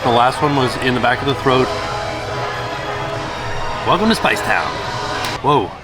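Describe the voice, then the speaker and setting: A man with a medium-pitched voice vlogs a food and merch review, chatting casually and enthusiastically in an animated but unhurried way. Loud music and a busy outdoor crowd can be heard behind him.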